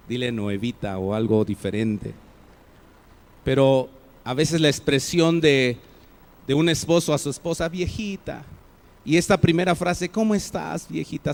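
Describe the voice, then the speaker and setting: Mexican pastor preaching in a hall. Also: male voice, a little high. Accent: Mexican Spanish. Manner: acts out example phrases with shifting tone. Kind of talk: sermon. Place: church hall.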